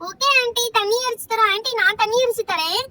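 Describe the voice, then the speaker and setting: A woman plays an eager, nosy little girl in a storybook doll play, speaking with a Tamil accent. The voice is very high and bright, and she keeps chattering for aunty's attention. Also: a little fast.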